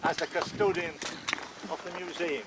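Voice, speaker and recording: An older man gives a formal ceremonial speech outdoors in measured, declamatory short phrases. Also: a little high, steady tone. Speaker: clan chief at his inauguration. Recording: very noisy outdoor amateur recording.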